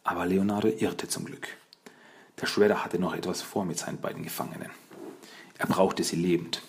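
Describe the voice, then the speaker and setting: A man reading a children's audiobook as narrator, in measured storytelling. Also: sits low, fairly even intonation, breathy edge.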